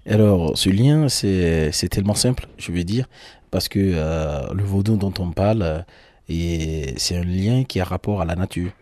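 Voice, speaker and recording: This Beninese tour agency founder and nature guide, in his 30s and with a Beninese accent, recounts his personal story during an interview, repeating words to stress them. He speaks in a low, mellow voice, a little slowly, and the recording is dry.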